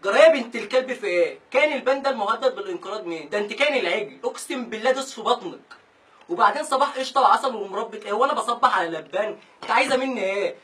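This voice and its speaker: Young Egyptian male comic, very fast, high-pitched rant from a distant mic. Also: lively intonation, fairly bright tone. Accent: Egyptian Arabic. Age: young adult. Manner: exasperated, insulting, rhyming tirades. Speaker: comedian.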